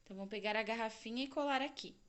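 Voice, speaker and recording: A woman's voice: fairly high pitch, very fast, fairly bright tone. A woman teaching a recorded lesson to young children with a Brazilian Portuguese accent, stretching out syllables and asking the class questions. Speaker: primary school teacher.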